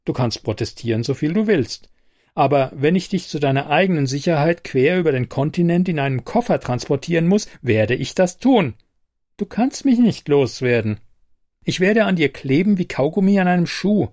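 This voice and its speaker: A man voicing a cool female android bodyguard in an audiobook, speaking calmly and firmly. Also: fairly high pitch, moderate pace, no room sound, clean studio sound, pitched above the performer's own voice, lightly acted. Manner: calm, firm, matter-of-fact.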